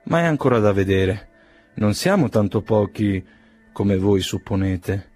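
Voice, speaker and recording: A man's voice: lowish voice, expressive, measured pace, a little mellow, soft background music. A man reading an audiobook, playing a blunt and sullen young man who answers curtly and with insolence. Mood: defiant. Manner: curt, sullen, insolent, speaks through his teeth. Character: young male nihilist, blunt and gloomy.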